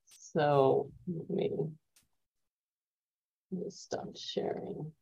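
Woman, low pitch, halting presenter on a video call, muffled lo-fi sound. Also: steady tone, creaky, mellow, husky. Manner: hesitant, halting with fillers. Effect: heard over a video call. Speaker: audit presenter in a meeting. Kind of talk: work meeting over a video call.

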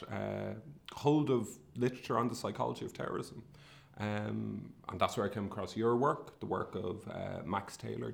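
Speaking in a lowish, gravelly voice, this middle-aged academic researcher and podcast host recounts his career conversationally, a bit hesitant, as though working it out aloud. He has a west of Ireland accent and comes from Sligo in the northwest.

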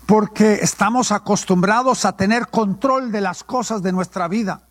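A man's voice: high voice, moderate pace, no room sound. A male pastor, preaching a sermon and asking questions that he answers himself. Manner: call-and-response preaching, asks and answers his own questions.

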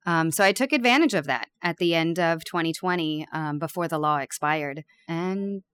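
With a low-pitched, clean, slightly bright voice at normal speed, this woman talks in a casual interview. She's in her thirties, runs a bakery, was born in Peru and raised abroad, and is open and candid with a touch of self-deprecating humor.

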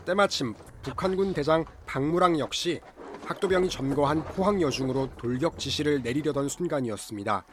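A man's voice: on the high side, fairly quick, a little hiss or hum. A man delivering scripted film recap narration in a formal storytelling manner.

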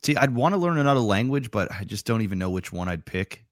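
A low-voiced man in his thirties talks in a relaxed, unhurried way as a podcast co-host, dropping casual swears. The sound is dry and close. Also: dry recording. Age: 30s. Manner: laid-back, drawn-out, swears, calls others bro and man. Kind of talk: casual chat.

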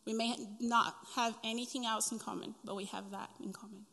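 Her pitch sits fairly high and stays fairly even as she talks fairly quickly in a creaky, bright, forceful voice. She's a woman in her thirties with a Brazilian Portuguese accent offering an earnest testimony at a church women's breakfast, stumbling into ums and restarts, recorded in a hall with long reverb.

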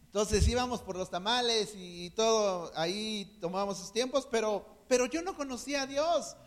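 A man's voice: high-pitched, moderate pace. A man with a Mexican Spanish accent preaching a sermon, earnest, often repeating words as he searches for them.

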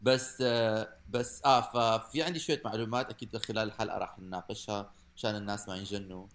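A man's voice: on the low side, steady tone, fast talker, fairly bright tone. A young man with a Levantine Arabic accent chatting casually as a podcast co-host, often restarting and repeating his phrases. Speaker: podcast co-host with microbiology training. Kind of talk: casual comedic podcast chat.

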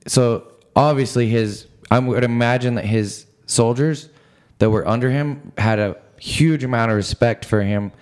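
A relaxed man thinking aloud about a Bible story in an easygoing chat. He fills his pauses with "I mean" and "you know" and builds his points slowly. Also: medium pitch. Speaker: Bible study podcast co-host. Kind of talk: casual Bible discussion.

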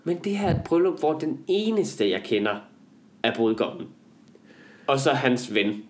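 A young man talks in a casual, comic way at a middling pitch. He rambles and piles up exaggerations, sounding animated and exasperated as he goes.

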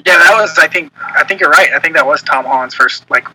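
Hesitant male co-host, casual chat, bright tone, somewhat high. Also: fairly quick, a little hiss or hum, rough recording. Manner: hesitant, many fillers. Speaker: podcast co-host.

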